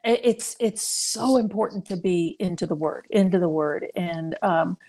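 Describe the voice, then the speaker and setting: A middle-aged woman speaks as a guest in a faith-based interview. She talks earnestly and haltingly, restarting her sentences and laughing lightly between thoughts. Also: fairly low pitch, mellow. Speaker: guest, author and mother.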